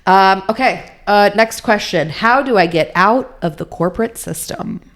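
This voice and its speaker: A woman's voice: medium pitch, a bit bright. A woman in her thirties co-hosting a podcast, chatting casually and joking at her own expense. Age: 30s. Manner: chatty, quick to laugh at herself. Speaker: podcast co-host. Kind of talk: casual chat.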